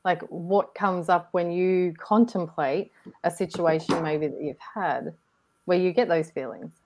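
A woman co-hosting a casual online discussion, reflective and gently encouraging, often restarting her sentences. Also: on the low side, steady tone, a little slow, slight background noise. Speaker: co-host. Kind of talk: casual group discussion on a video call.

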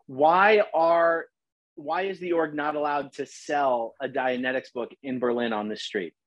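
Man, 30s, interview host, probing questions, slightly raised pitch, dry close sound. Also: fairly even intonation, measured pace, dry recording, dull audio. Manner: probing, asks short follow-up questions. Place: living room, on a leather couch, indoors. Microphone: video call, laptop camera mic.

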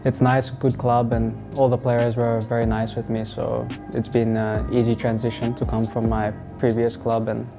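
A young man from Australia, a football player answering interview questions in a relaxed, halting way with many fillers. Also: mid-range voice. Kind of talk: sit-down interview. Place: indoors in front of a wall of football boots. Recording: music playing underneath.

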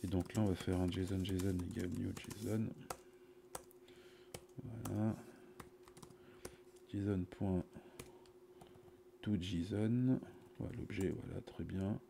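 A middle-aged man giving a casual, improvised live coding commentary, halting and muttering to himself as he works, recorded on a cheap USB mic. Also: sits low, fairly even intonation, vocal fry, background noise. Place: small indoor room at a computer. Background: computer keyboard typing.

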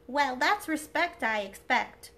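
A woman's voice: high voice, lively intonation, takes it slowly, sharp tone, full character voice. A woman reading a storybook aloud, voicing a cheeky little china clown man who talks in rhymes. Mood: saucy. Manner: cheeky, rhyming and jolly.

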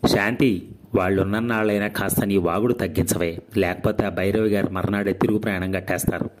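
A stern middle-aged mother in an audio story, scolding in a sharp tone, as a male narrator puts her on. The voice stays low and firm, close to the reader's own. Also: steady tone, fairly quick, background noise, close to an everyday voice.

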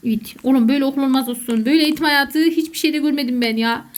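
A woman's voice: high voice, rapid-fire. A woman doing jokey, panicky let's play commentary as a gaming YouTuber who calls herself a gamer mom.

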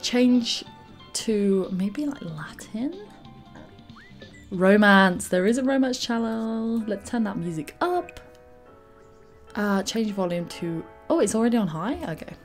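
A woman commenting on a game she is playing, gushing and giggly with excitement. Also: mid-range voice, slow, faint music behind. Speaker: gaming YouTuber. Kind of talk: let's play commentary.

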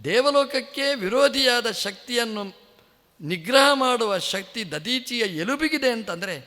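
A man voicing an old male sage who speaks with mock-indignant questions and gentle reassurance. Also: very high-pitched, animated, measured pace, pitched above the performer's own voice, heavily acted. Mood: calm. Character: old male sage, teasing then calm and selfless. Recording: echoey temple hall.

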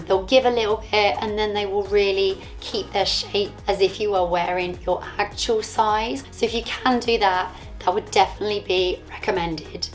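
A woman talks through fashion tips in a relaxed, chatty vlog. Her voice is croaky. Soft music plays faintly under her. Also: medium pitch. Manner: friendly advice-giving, chatty. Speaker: fashion vlogger. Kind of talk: casual talk to camera.

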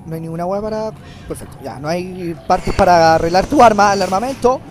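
A young man with a Chilean accent commenting on a game playthrough, nasal from a cold, joking crudely and breaking into loud swearing yells. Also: high-pitched, fairly quick. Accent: Chilean Spanish. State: has a cold, slightly nasal. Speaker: gameplay commentator. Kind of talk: casual let's-play commentary. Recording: game music playing behind.

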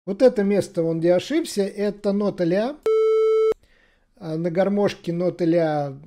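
A man's voice: sits high, a little slow. A man patiently explaining a harmonica tune step by step in a casual tutorial. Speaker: harmonica teacher.

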